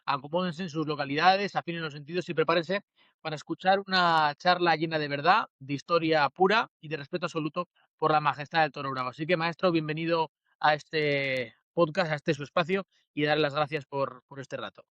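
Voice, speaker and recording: A man's voice: on the high side, steady tone, a little fast, fairly bright tone, dry recording, lo-fi sound. A man from Spain hosting a podcast interview, asking questions with some hesitant fillers. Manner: formal scripted intro, then hesitant questions. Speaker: podcast host.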